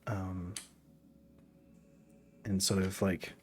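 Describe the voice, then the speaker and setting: A man narrating as game master of a tabletop game, slow and halting with many pauses. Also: deep voice, level tone, darkish tone, faint music behind.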